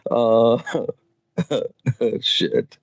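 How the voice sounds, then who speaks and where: A man rambling through a solo livestream in an unhurried, drawn-out way, chuckling and swearing as he goes. His voice sits at an ordinary middle pitch and sounds close and dry, with no room sound around it. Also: no echo. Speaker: livestream host. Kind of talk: casual solo livestream chat. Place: Canada.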